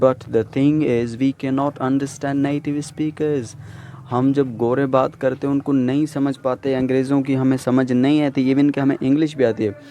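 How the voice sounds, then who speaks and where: A man giving a casual pronunciation lesson, explaining in Urdu-Hindi and slowing down to say English example words carefully in a British-style accent that drops the final R. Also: medium pitch, a little mellow. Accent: British-style non-rhotic English.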